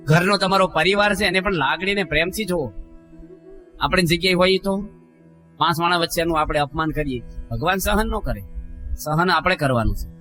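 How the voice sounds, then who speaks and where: A man's voice: high-pitched, brisk, sharp tone, soft background music. A middle-aged man, a monk giving a sermon full of stories and acted-out quotes. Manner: storytelling, acting out quotes, rises and drops in voice. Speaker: monk giving a religious discourse. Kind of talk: sermon with anecdotes.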